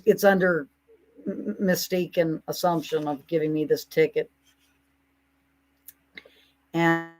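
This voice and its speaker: A woman talking casually to her audience in an indignant, rambling monologue, often breaking into mocking asides. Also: lowish voice. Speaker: commentator.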